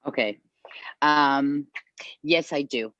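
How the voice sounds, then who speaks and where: A woman's voice: low voice, takes it slowly, a bit bright, dry recording. A woman calling in by phone while driving, asking a hesitant question over a car speakerphone line with many fillers and restarts. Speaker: caller asking a candidate a question. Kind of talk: halting call-in question. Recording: muffled dry phone line.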